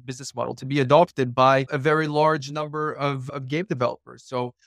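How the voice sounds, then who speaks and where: A man's voice: medium pitch, fairly even intonation, brisk, a bit bright, no room sound, clean studio sound. A man from Morocco, a tech company executive, explaining his work as a podcast guest. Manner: articulate, enthusiastic explainer. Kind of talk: podcast interview.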